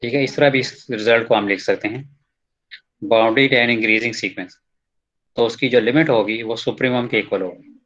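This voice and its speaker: In a recorded lecture with lo-fi sound, a man with a mid-range, fairly bright voice and fairly even intonation teaches a math proof. He reads textbook lines slowly, then explains them in casual Hindi mixed with English terms, often checking in with "ठीक है".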